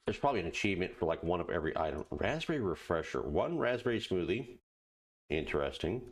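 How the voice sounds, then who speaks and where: A man giving casual let's play commentary, muttering halting asides to himself and reading on-screen text aloud. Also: deep voice, big pitch swings, slightly rough. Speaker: gaming video host.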